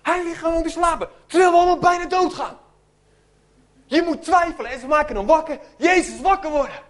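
Very high-voiced man preaching animatedly. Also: a little fast. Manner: animated storytelling, acts out voices, drops to near whisper. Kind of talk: sermon.

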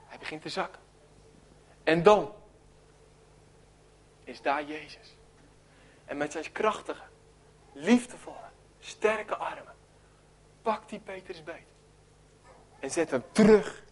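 A man preaching a sermon, telling a story with great animation and acting out its voices, sometimes dropping to a hush. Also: high voice. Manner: animated storytelling, acts out voices, drops to near whisper.

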